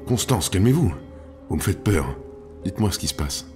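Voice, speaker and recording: A man voicing a kind, worried fisherman who speaks in anxious, halting phrases. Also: low-pitched, big pitch swings, over music, pitched above the performer's own voice.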